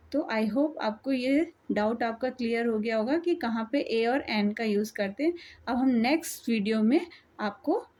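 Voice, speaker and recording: A woman teaching an English grammar lesson to children, asking questions and answering them herself, and reading the English examples out slowly. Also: fairly high pitch, a little mellow.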